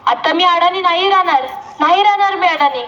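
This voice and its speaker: A desperate young village mother pleads and frets in a very high voice, played by a girl in a school play. The sound is dull and echoey, as in a hall. Music plays behind her. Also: a little fast. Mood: resolute. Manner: pleading, emotional.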